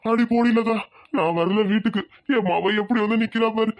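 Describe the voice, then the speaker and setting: Performer playing a middle-aged cartoon father, mournful and self-reproaching, mid-pitched. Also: moderate pace, close to an everyday voice. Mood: grieving. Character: grieving village father, middle-aged man. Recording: dull lo-fi sound.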